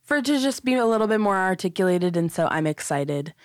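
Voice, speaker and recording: A woman's voice: mid-range voice, expressive, a little fast, dry recording. Woman cohost, sleepy just-woke-up voice, chatty and easygoing, dry close sound. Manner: chatty, agreeable, laughing easily. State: sleepy early-morning voice. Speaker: podcast co-host. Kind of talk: casual faith podcast chat.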